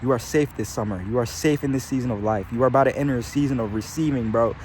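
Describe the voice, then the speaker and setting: A man's voice: medium pitch, quick pace, darkish tone. A young man giving a rambling, slangy spiritual pep talk to his viewers, swearing constantly and calling them bro and gang. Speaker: spiritual channeler vlogger. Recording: faint outdoor traffic noise.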